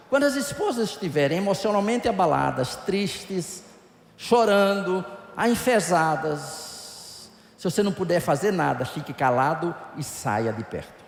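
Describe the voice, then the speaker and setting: A man with a Brazilian Portuguese accent preaching a humorous sermon as pastor, playfully acting out little scenes with voices, on a stage microphone in a church sanctuary. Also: sits high. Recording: echoey church hall with long reverb.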